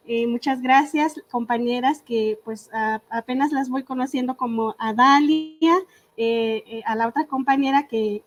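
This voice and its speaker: A woman from Michoacán, Mexico, whose first language is Purépecha, gives an earnest talk as an invited speaker on an online panel, with many hesitations and fillers. Her voice sits high, and the recording has its highs cut off.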